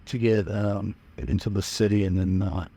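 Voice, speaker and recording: A man's voice: lowish voice, fairly even intonation, normal speed, warm tone, slightly rough. An older man from Massachusetts, a musician, reminiscing in a loose, rambling way with many fillers and small chuckles. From Manchester, Massachusetts. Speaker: musician interviewed about his early band days. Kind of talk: casual interview reminiscing.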